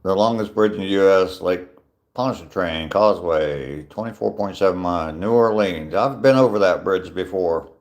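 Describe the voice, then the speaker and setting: A deep-voiced man in his 60s goes live from his phone while walking outdoors, speaking at a moderate pace. He reads out comments from viewers and responds with an easygoing, chatty manner and dry humor.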